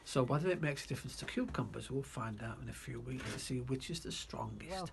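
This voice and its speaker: A middle-aged man with a Yorkshire accent, chatting excitedly to the camera while gardening outdoors at his allotment, recorded on a clip-on mic. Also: medium pitch, a little fast, creaky, a little hiss or hum. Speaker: allotment vlogger. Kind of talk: casual gardening vlog. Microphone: clip-on mic with lead.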